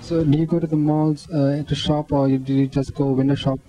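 A man's voice: on the high side, flat delivery, a little fast, music in the background, poor audio. A man, hesitantly interviewing shoppers in a mall with a handheld mic. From Pakistan. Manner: hesitant, many ums and restarts. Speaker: street interviewer. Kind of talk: amateur vox-pop interview.

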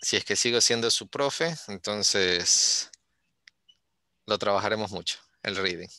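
Bright-voiced encouraging male teacher. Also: fairly low pitch, measured pace, no room sound. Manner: coaxing and encouraging, switching between English and Spanish. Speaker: English teacher. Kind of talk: online class on a video call. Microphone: video call.

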